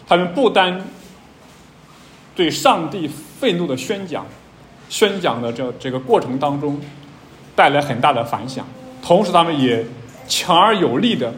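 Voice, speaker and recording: A man preaches a teaching sermon in a slightly raised voice, talking it through with many small fillers. His pitch climbs when he stresses a point. A faint hiss sits under the recording. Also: a bit bright. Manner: many fillers, rising emphasis on key points.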